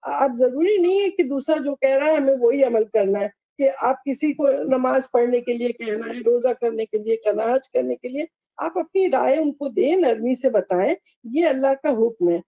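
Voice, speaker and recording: A woman with a high, warm, mellow voice gives a religious talk. She pleads earnestly and urges her listeners gently. The sound is close and dry, with no room echo. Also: gravelly, muffled recording. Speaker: religious lecturer.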